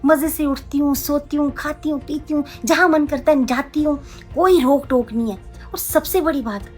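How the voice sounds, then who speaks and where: A woman's voice: high voice, moderate pace, faint music behind, close to an everyday voice. A woman acting in a comic family skit, chatting and gossiping about home life. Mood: chatty.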